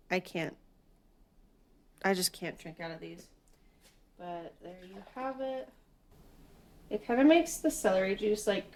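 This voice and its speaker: A woman in her twenties, talking casually to the camera in a vlog, chatty and relaxed with small laughs and fillers. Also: medium pitch, a little hiss or hum. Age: 20s. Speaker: vlogger. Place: home kitchen.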